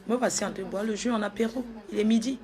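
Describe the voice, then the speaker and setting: A woman performs a comic monologue to a lover. She sounds playful and theatrical, sweet and coaxing one moment and suddenly loud the next. Her voice sits at a middle pitch. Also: steady tone, quick pace. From Africa. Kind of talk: comedic sketch monologue to an unseen lover.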